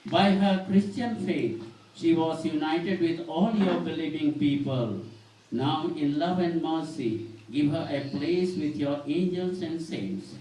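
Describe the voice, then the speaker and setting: A man leading a funeral burial as priest, reciting solemn graveside prayers in measured, formal phrases. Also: fairly high pitch, warm tone. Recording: distant, very echoey, faint background noise.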